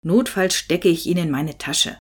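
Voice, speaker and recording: A woman's voice: lowish voice, unhurried, slightly rough. A woman voicing an old limping male fisherman who jokes brashly in an audiobook. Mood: joking. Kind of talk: audiobook character voice.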